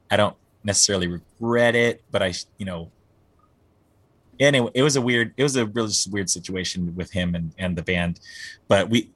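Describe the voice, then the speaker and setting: This band singer, a man in his forties, appears as a guest musician and talks casually in an interview. His low-pitched voice has a fairly bright tone with no echo, and he tends to ramble, frequently restarting sentences amid lots of fillers.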